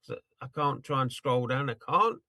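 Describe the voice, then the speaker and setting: A man's voice: medium pitch, normal speed, vocal fry, bright, forceful tone, dry recording. A man demonstrating a tool over a video call, talking in a rambling, apologetic way while he searches his screen. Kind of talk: casual screen-share demo on a video call.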